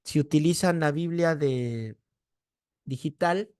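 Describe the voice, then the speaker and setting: A man with a Mexican Spanish accent teaching a Bible class indoors, telling lively stories and tagging his points with quick questions to the class. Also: a little high, clean tone, dry recording, clean studio sound. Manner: lively storyteller, rhetorical "¿no?" tags.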